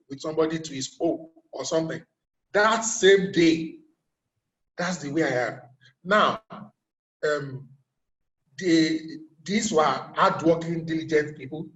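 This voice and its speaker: A man's voice: a little high, a bit bright, reverberant, rough recording. A middle-aged Nigerian man giving a career talk, telling stories and asking his audience rhetorical questions. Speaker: motivational speaker.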